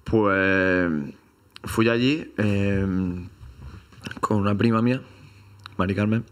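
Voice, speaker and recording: A man's voice: lowish voice, fairly even intonation, slow, smooth. A man from Spain co-hosting a comedy chat, rambling through absurd stories with hesitant fillers. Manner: rambling, tells tall tales with hesitant fillers. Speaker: comedy podcast co-host.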